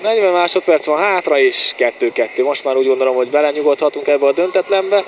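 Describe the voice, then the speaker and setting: Excited man commentating football over stadium noise. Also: on the high side. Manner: excited, partisan, short exclamations and repeated player names. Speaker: football commentator for the home side. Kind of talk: live football match commentary. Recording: noisy outdoor stadium sound.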